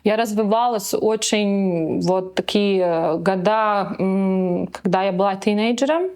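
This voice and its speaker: This young woman, a Latvian-accented interview guest, keeps the chat casual while pausing on fillers and slipping into English words. Her medium-pitched voice is measured, darkish, clear and resonant.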